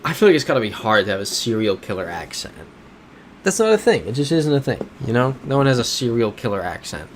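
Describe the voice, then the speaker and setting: This American man talks quickly and in a sing-song, medium-pitched voice while streaming a map-guessing game. He reads his viewers' chat messages aloud and reasons about map clues in casual conversation, with slight background noise.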